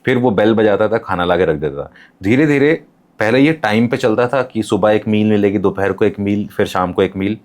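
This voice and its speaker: A podcast guest speaks in a lowish male voice at normal speed, patiently explaining with examples and English terms. He comes across as calm and instructive.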